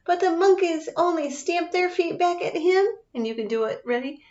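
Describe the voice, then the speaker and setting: A woman teacher reading a picture book aloud to children, expressive and often asking them questions. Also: extremely high pitch, moderate pace, reverberant. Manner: expressive, asks listeners questions. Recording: dull lo-fi sound.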